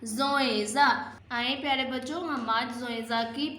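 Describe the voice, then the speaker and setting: Woman, Pakistani accent, children's teacher, high voice, echoey room. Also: fairly even intonation, pushed and bright. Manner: slow sing-song call-and-response drilling. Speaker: Urdu teacher.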